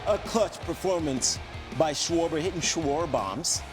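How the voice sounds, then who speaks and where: A man with a fairly high voice co-hosts a top ten sports countdown. He announces each highlight with punch and slips in casual asides, over a clear music bed. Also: expressive, a little slow. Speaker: sports show co-host.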